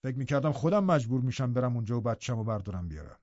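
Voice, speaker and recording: A man's voice: mid-range voice, expressive, darkish tone, dry recording, muffled recording, natural voice. A man doing a brusque, stern master of the house. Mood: curt.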